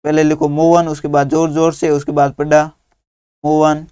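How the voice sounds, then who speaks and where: A man teaching young children through a workbook, dictating words slowly and patiently one at a time. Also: fairly high pitch, flat delivery, warm tone, clear, resonant tone, dry recording, studio quality.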